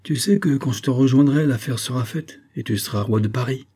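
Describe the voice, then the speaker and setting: A man's voice: mid-range voice, fairly quick, mellow, husky, voice pushed up, lightly acted. A man reading the part of a brutal, taunting male militia quartermaster in an audiobook, with a commanding, mocking manner.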